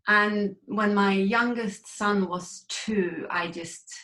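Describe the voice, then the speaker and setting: A woman's voice: medium pitch, steady tone, slow, sharp tone, echoey room, low-quality recording. A woman from Sweden, a grief recovery coach, telling her story candidly and reflectively as an interview guest. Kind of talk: conversational interview.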